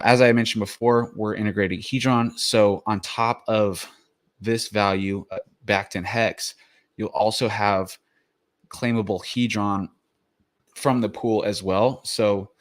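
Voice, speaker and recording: A man's voice: on the low side, fairly even intonation, a little slow. A man hosting a crypto explainer, talking casually with many fillers and restarts, a little out of breath after the gym. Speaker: crypto video host.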